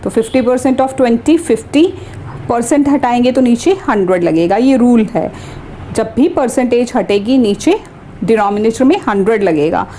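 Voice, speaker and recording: A woman math teacher, explaining each step slowly and carefully in a classroom-style lesson. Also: on the high side, warm tone, a little hiss or hum. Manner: slow, deliberate explaining, mixing English terms into Hindi.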